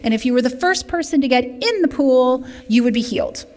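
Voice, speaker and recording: A woman leading a recovery group, teaching in a lively way and speaking directly to the room with humor. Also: high voice, a little fast. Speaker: recovery program leader. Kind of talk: sermon teaching. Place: church meeting room. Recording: long hall reverb.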